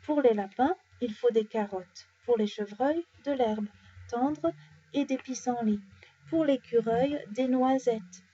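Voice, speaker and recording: A French-speaking woman reading bedtime stories aloud, animated and changing her voice for each character. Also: on the high side, slow, slightly rough. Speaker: storyteller. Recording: dull lo-fi recording.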